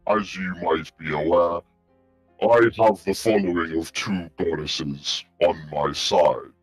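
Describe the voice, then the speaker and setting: Man playing a very deep, slow, solemn adventurer. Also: poor audio. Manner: formal, measured, grave wording. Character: solemn, formal male adventurer pleading for a teammate. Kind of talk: tabletop game role-play.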